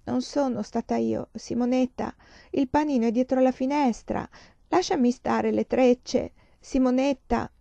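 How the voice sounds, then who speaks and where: A woman's voice: high-pitched, steady tone, a little slow, gravelly, mellow, no echo, voice pushed up. A woman reading an audiobook, voicing a feverish, delirious little girl with a plaintive, wavering voice.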